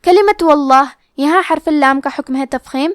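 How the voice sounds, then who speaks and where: A woman teaching Quran recitation rules, explaining each letter and rule slowly and carefully. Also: sits high, dry recording, studio quality. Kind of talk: tajweed lesson explanation.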